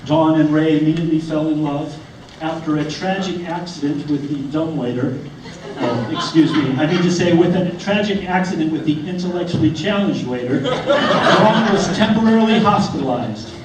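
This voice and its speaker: A man's voice: on the high side, normal speed. A man delivers a tongue-in-cheek eulogy as a speech, telling tall stories with mock solemnity. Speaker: speaker giving a comic eulogy. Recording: echoey, noisy room, distant mic.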